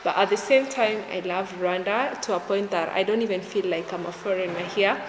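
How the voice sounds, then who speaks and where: A woman's voice: medium pitch, brisk. A young woman from Kenya, chatting casually in an interview, with lots of fillers. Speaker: YouTuber guest. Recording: echoey room with long reverb.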